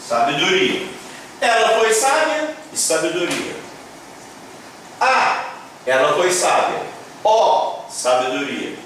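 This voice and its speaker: A man teaching a class in a slow, deliberate way, his fairly high voice swinging widely up and down as he repeats each key word. He keeps checking that his listeners follow and cheers them on. The voice sits well back from the mic in a very echoey room with faint background noise. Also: very animated, fairly bright tone, recorded from a distance. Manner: repeats key words slowly, checks in with "tá?" and "certo?"; encouraging, addresses viewers as "minha gente". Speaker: Hebrew teacher. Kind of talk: classroom-style lecture at a board.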